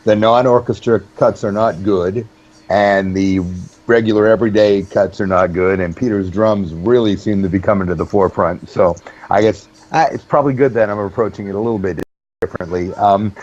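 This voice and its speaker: A man with a low voice talking through his opinions on a casual podcast. He is measured and a little hesitant, and his sound is dull and lo-fi. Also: a little mellow. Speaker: podcast co-host. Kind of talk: casual chat. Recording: dull lo-fi audio.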